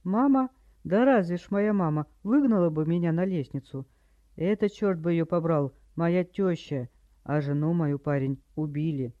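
A man's voice: fairly high pitch, normal speed, no room sound, close to an everyday voice. A man reading an audiobook, voicing a drunk, maudlin widower who rambles plaintively, in a dry, slightly dull recording.

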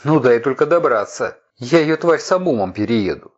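A man's voice: medium pitch, animated, normal speed, voice pushed up, close to an everyday voice. A man voicing a fierce, jealous young woman who leads desert raiders, hissing and snarling her lines in a storybook reading. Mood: furious. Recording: dull lo-fi recording.

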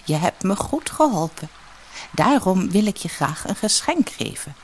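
A woman voicing a frail old peasant woman, speaking in a kindly, unhurried way. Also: medium pitch, very animated, slight background noise.

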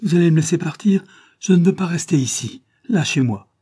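A man voicing a frightened young woman held captive in an audiobook, pleading and shouting to be let go. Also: lowish voice, lively intonation, a little fast, slightly rough, pitched above the performer's own voice. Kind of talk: audiobook character reading.

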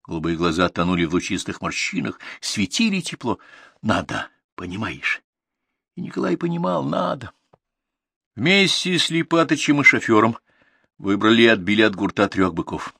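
A man reading short stories aloud as an audiobook narrator, in an expressive storytelling manner. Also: lowish voice, brisk, vocal fry, no room sound, studio quality. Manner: expressive, story-telling delivery. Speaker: audiobook reader.

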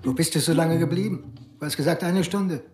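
An actor playing a middle-aged man dazed by a sleeping pill, drowsy and bewildered, turning shrill and agitated, in a radio drama. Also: a little fast, darkish tone, close to an everyday voice. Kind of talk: German radio drama acting. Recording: music playing under the voice.

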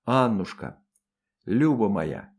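A man's voice: lowish voice, sing-song, takes it slowly, gravelly, slightly rough, heavily acted. A man in his thirties voicing a brash, hot-tempered colonel who talks in a coarse, blunt, exclaiming way for an audiobook. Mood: pleading. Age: 30s. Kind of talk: audiobook character voice.

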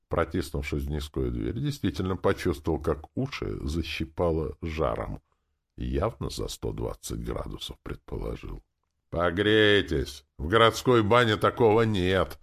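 A man giving calm first-person audiobook narration. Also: a bass voice, gravelly.

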